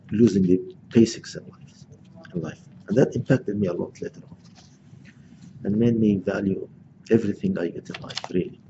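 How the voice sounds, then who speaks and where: Deep gravelly older man lecturing. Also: lo-fi sound, background noise. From Gaza, Palestine. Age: 60s. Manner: halting, many restarts and fillers. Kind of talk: reflective personal lecture.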